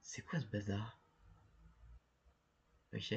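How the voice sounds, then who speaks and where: Male streamer, slow talker, husky voice, halting and stammering. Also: on the low side, lo-fi sound. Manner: halting, stammering, reads on-screen English aloud. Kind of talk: live gameplay commentary.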